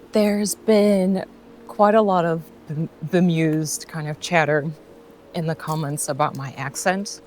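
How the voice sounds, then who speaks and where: Her voice sits low and slow, broken by frequent pauses, with slight noise in the background. She's a relaxed, chatty vlogger in her forties from Russia, rambling and laughing often on an outdoor bush walk, full of fillers. Her mostly American accent carries a faint New Zealand tinge from years living there.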